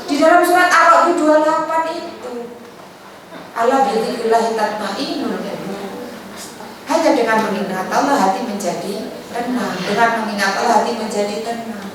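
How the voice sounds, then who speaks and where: A woman's voice: on the high side, a little fast. A woman with a Javanese accent teaching an Islamic study session, chatty, acting out little dialogues and mixing in Javanese phrases. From Indonesia. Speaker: religious teacher. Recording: echoey hall, far mic, faint noise.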